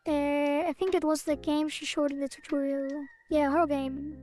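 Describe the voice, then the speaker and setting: A woman's voice: high-pitched, flat delivery, moderate pace, dark tone, soft background music. A woman streaming her game development, thinking aloud in half-sentences as she works. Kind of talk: casual livestream while coding.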